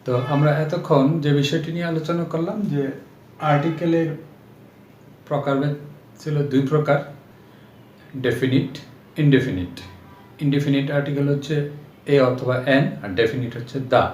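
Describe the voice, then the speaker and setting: A man's voice: a little high, fairly even intonation, normal speed, pauses often. A man with a Bangladeshi Bengali accent sums up an English grammar lesson, speaking to his students as friends. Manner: warm, addresses students as friends. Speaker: English teacher. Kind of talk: lesson recap and sign-off. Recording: roomy echo, faint noise.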